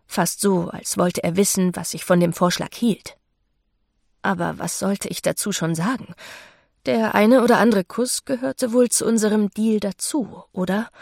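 A woman narrating a novel in the first person, in a measured, intimate reading. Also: mid-range voice, vocal fry, a little mellow, no room sound, clean studio sound. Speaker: audiobook narrator.

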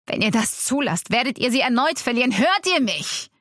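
Woman reading desperate male warrior, forceful and pleading, raised voice, dry sound, storybook. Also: on the high side, normal speed, no room sound, natural voice.

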